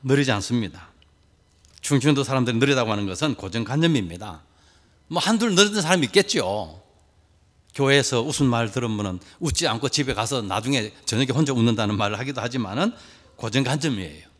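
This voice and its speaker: A man's voice: medium pitch, expressive, fast talker, long reverb tail. A man preaching a sermon to a congregation, asking rhetorical questions and adding folksy, humorous asides. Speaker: pastor.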